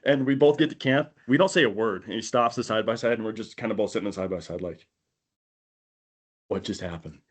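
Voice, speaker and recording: A man hosting a podcast, telling a hunting story in a casual, animated way and laughing often. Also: lowish voice, rapid-fire, hardly any pauses. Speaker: podcast host.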